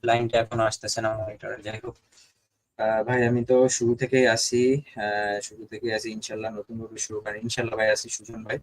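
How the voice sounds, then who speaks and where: Bangladeshi guy doing a casual live stream, pretty monotone, keeps asking "ok?" to his viewers. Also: on the low side, fast, poor audio. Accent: Bangladeshi Bengali. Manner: repetitive, keeps asking "ঠিক আছে?". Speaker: live-stream host of a ghost-hunting channel.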